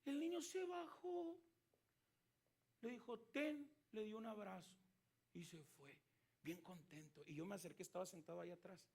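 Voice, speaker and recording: A man's voice: high-pitched, normal speed, gravelly, darkish tone. A man with a Mexican Spanish accent, preaching as a pastor and asking his listeners questions as he tells a story. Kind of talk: sermon.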